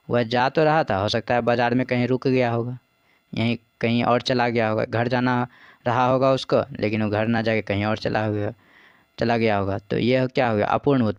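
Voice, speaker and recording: A man's voice: mid-range voice, clean tone, dry recording, highs cut off. A man patiently explaining practice exam questions as a teacher. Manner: patient, repeats "ठीक है" and "देखिए".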